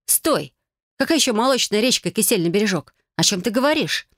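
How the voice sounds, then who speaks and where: A woman's voice: medium pitch, animated, brisk, no room sound, studio quality, pitched above the performer's own voice, lightly acted. A woman playing a bewildered young heroine. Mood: exasperated.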